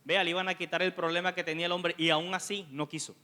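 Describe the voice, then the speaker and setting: A man preaching a sermon, his voice pitched high for a man and bright in tone. He preaches in an animated way and acts out the dialogue of the scripture he retells. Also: fast talker. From Colombia. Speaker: associate pastor.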